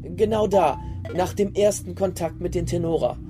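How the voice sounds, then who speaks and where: Thrawn, calm high-voiced grand admiral played by a man. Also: close to an everyday voice. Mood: calm, cultured. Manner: measured, coolly authoritative, didactic. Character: calm, cultured, commanding male grand admiral of a space fleet. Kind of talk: sci-fi audio drama acting. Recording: loud music behind the voice.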